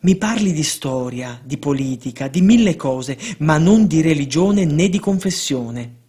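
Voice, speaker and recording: A man's voice: fairly high pitch, animated, a little slow, dark tone, slightly rough. A man reading the lines of a stubborn, wealthy sick man who sets terms and brushes things off.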